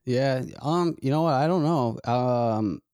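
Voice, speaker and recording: Man, podcast host, warm mellow tone, smooth voice, hesitant, thoughtful, casual chat. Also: mid-range voice, dry recording, clean studio sound. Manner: halting, reflective, many fillers and restarts. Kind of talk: casual conversation.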